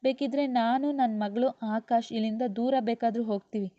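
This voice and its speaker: Woman doing a young wife, pleading, emotional, high voice, dry sound. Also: fairly even intonation, moderate pace, no echo, natural voice. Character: proud young wife, sharp-tongued, later tearful. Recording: dull lo-fi recording.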